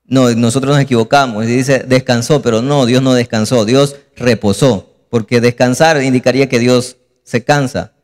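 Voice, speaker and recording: A man preaching a sermon as pastor, lively and acting out scenes. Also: medium pitch, normal speed, long reverb tail.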